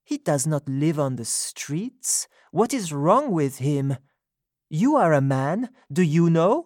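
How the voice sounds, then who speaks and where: A woman's voice: low voice, sing-song, slow pace, darkish tone, dry recording, clean studio sound, voice pushed up, exaggerated voice. A man voicing a bruised young woman who speaks out passionately and indignantly. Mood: troubled.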